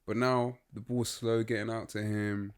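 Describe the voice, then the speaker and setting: A man's voice: on the low side, little pitch movement, normal speed. A young man, co-hosting a casual football chat and rambling through his opinions with lots of fillers. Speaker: podcast co-host.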